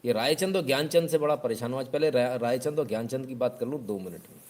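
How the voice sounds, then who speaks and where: A man's voice: mid-range voice, fast talker, darkish tone. A man, hosting a live news show in casual, sarcastic commentary. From Uttar Pradesh, India. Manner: sarcastic, mocking.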